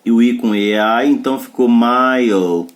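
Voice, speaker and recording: A man's voice: medium pitch, normal speed. A man teaching a pronunciation lesson. He explains the rules step by step and checks with short questions that students follow. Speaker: English teacher.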